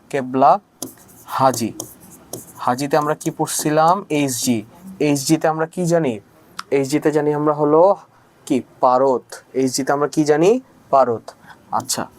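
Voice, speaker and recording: A man teaching a chemistry class on video. He chants a memory rhyme, asks questions and answers them himself, and keeps checking "okay?". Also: on the high side. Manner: casual, mixes in English words and keeps asking "ঠিক আছে?". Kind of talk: recorded video lecture.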